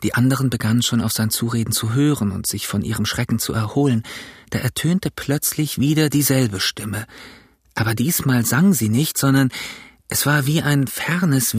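Man narrating an audiobook, husky voice, dry close recording, measured pace. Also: medium pitch, dry recording. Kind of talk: audiobook reading.

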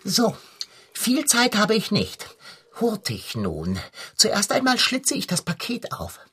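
A woman's voice: mid-range voice, huge pitch swings, slow, fairly bright tone, slightly rough, heavily acted. A woman voicing a plump, scheming male tomcat who talks in theatrical, old-fashioned phrases and turns wheedling and mock-innocent. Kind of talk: children's radio play acting.

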